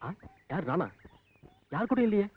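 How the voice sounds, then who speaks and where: A man's voice: high-pitched, big pitch swings, a little slow, heavy background noise. An actor playing a playful, tender young man who reassures his sweetheart. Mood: apologetic. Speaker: film actor. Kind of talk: old film drama acting. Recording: tinny lo-fi old film soundtrack with loud music.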